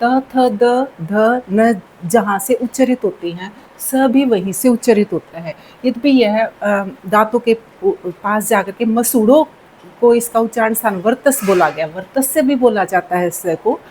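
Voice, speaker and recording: A woman's voice: on the high side, unhurried, darkish tone, slight background noise, poor audio. A woman teaching Hindi grammar in a patient classroom manner, repeating key words and checking in often. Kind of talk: slow, deliberate classroom explanation.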